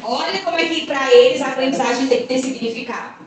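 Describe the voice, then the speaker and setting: A woman with a high voice tells stories in a casual talk to a group of teachers, playing the voices of the children and parents she describes. She is recorded from a distance, and a heavy echo fills the room. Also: fast talker, a little hiss or hum. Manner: animated storytelling, acting out children and parents. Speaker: guest speaker on gifted education. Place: large room or hall at a school training session. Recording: echoey room, voice from far off.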